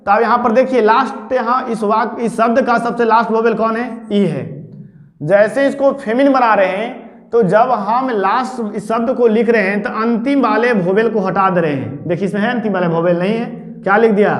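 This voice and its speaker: A man's voice: sits high, moderate pace. A man teaching grammar in a lecture style, posing questions and answering them himself. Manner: addresses listeners familiarly as "babu". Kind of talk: explanatory classroom lecture. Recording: echoey room with long reverb.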